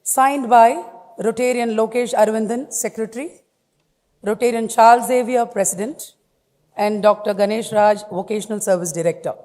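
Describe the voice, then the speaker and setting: A woman's voice: a little high, dark tone. Formal woman emcee in an echoing hall. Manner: measured, formal reading. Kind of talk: formal ceremony announcing. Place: large event hall. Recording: long reverb in a hall.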